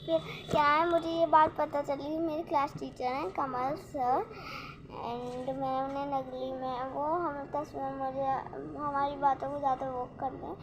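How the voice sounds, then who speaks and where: A young woman vlogger telling a rambling, excitable story about her day in casual chat. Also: high-pitched, measured pace, noisy background. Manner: rambling, restarts often, excitable retelling.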